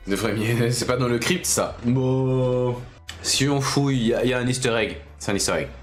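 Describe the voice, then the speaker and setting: A man streaming video games, chatting casually, reacting with quick jokes and frequent swearing. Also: mid-range voice, faint music behind. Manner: reactive, swears, jokey asides. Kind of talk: casual gaming commentary.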